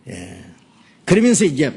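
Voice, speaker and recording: A man's voice: a little high, huge pitch swings, measured pace, creaky, a little mellow, husky. A middle-aged man preaching a sermon as pastor, often checking in with his listeners with "eh?" and "right?". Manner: frequent "예?" and "응?" prompts to the listeners; acts out Moses' angry words in a raised voice.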